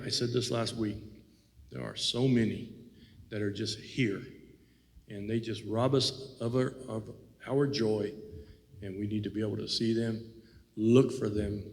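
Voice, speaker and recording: A man with a low, gravelly voice talks slowly and thoughtfully about faith, circling back on his words. His voice rings with a long reverb, as if he were in a big hall. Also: steady tone, a little mellow. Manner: reflective, rambling, many "you know"s. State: has the hiccups. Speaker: co-host. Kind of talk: casual faith talk.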